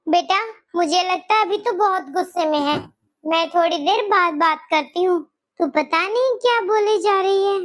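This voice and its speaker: A woman's voice: extremely high pitch, moderate pace. A woman voicing a kindly, worried middle-aged mother in a cartoon story. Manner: gentle, regretful, pleading.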